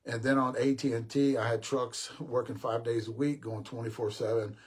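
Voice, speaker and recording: A man's voice: mid-range voice, level tone, normal speed, husky. An older man hosting a casual live stream, telling a long rambling story with restarts and talking to his viewers as guys. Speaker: host.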